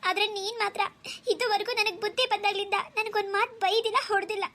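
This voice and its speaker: A woman's voice: very high-pitched, fairly even intonation, fast talker, a bit bright. A woman voicing a young woman in a cartoon, an emotional younger sister pleading through tears. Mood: tearful. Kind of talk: cartoon voice acting.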